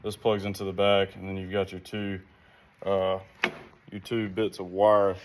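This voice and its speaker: Standing at a vehicle outside in some wind, a vlogger talks casually through a hands-on car project, thinking out loud in a relaxed, folksy manner. His low voice barely moves in pitch and keeps a measured pace, and the recording is noisy with ambient sound.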